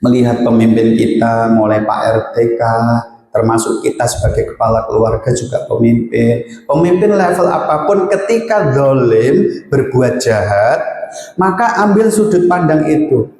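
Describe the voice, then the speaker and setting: A man's voice: medium pitch, normal speed, a little mellow. A man preaching a sermon in Indonesian with a Javanese accent, emphatic, pushing his voice up to stress his points. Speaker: Islamic preacher. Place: large mosque hall. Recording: echoey mosque hall, long reverb.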